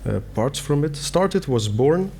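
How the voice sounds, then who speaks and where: The talk comes from a middle-aged native Dutch speaker from Belgium, earnest and plain-spoken in a conference hall, with fillers and false starts. He has a fairly high, expressive voice with vocal fry and a darkish tone, measured in pace, over slight background noise.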